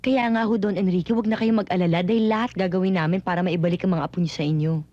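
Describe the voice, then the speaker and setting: An actress playing an earnest, reassuring police officer in a film drama. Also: female voice, lowish voice, fairly even intonation, fast, dull audio, slight background noise, close to an everyday voice.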